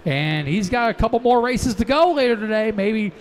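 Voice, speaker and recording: Calling a motorsport race live, this announcer proclaims the action from the track's broadcast booth while outdoor race noise fills the background. His voice sits high and is expressive, at a moderate pace.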